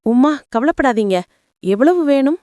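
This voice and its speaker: A woman's voice: high voice, expressive, normal speed, dark tone, dry recording, clean studio sound, voice pushed up. A woman voicing a tired, polite young male delivery rider who speaks earnestly and a little hesitantly.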